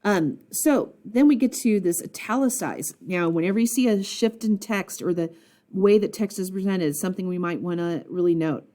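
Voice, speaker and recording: A woman teacher annotating a poem aloud in a recorded lesson, thinking out loud with frequent ums and posing questions to her students. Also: medium pitch, normal speed.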